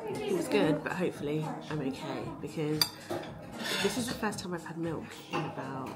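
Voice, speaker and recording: Low-set and very animated, her voice keeps a normal pace as she chats upbeat to the camera in this casual travel vlog. The vlogger, a woman in her thirties, holds her phone at arm's length while walking bustling streets and park paths, with traffic and street sounds in the background of the outdoor recording.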